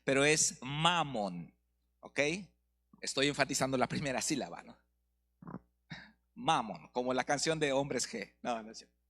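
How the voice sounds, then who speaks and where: A middle-aged man with a Mexican Spanish accent preaching a sermon, asking rhetorical questions and slowing down for emphasis. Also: medium pitch, vocal fry, fairly bright tone. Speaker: pastor.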